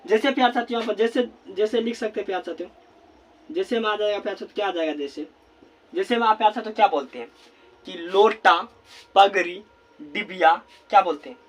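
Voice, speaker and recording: In a classroom, a high-voiced man teaches a grammar lesson slowly at a board. He repeats words slowly as he writes, relying on a constant filler phrase.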